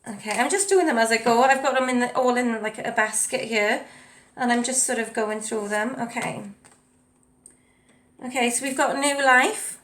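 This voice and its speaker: A woman's voice: a little high, normal speed, a bit bright. A woman giving a casual spiritual card reading, chatty, with lots of ums and you knows as she reads the card texts aloud. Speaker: tarot and oracle card reader. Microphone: desk mic at a home setup with ring light.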